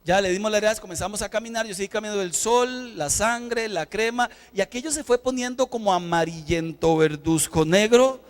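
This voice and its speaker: A male pastor, preaching a sermon and telling an animated story with acted-out dialogue. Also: high-pitched, brisk, few pauses, long reverb tail. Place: church sanctuary.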